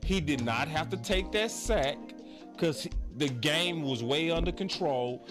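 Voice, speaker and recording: A man hosting a sports talk show, casual and emphatic, with slangy, animated delivery. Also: fairly high pitch, measured pace, music in the background.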